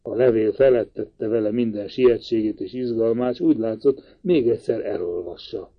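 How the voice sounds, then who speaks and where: A man narrating a literary audiobook in a measured, even reading voice. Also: fairly low pitch, muffled recording. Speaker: audiobook reader.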